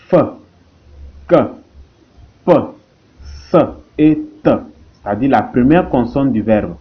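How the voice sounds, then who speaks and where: A man teaching a language lesson, who slowly repeats each example word and phrase. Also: a little high, lo-fi sound.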